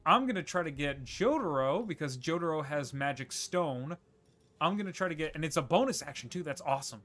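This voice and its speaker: Guy streaming a game, bright tenor-ish voice, rambly thinking out loud, faint music behind. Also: fairly high pitch, lively intonation. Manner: rambling, thinking aloud, quick laughs. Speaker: gaming streamer. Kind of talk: casual gameplay commentary.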